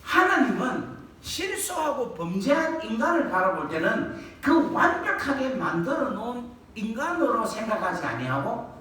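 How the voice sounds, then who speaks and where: A man's voice: very high voice, normal speed, slight background noise. A male revival preacher, delivering a colloquial sermon and quizzing the congregation. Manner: lively, colloquial, asks the congregation questions and acts out quoted scolding. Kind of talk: revival sermon with call and response. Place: church sanctuary. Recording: echoey church hall, distant mic.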